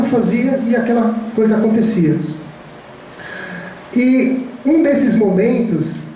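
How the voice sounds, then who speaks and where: A man's voice: extremely high pitch, warm tone, recorded from a distance, slight background noise. Man lecturing in a very echoey hall. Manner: reflective, storytelling with many restarts. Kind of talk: spiritist talk to an audience.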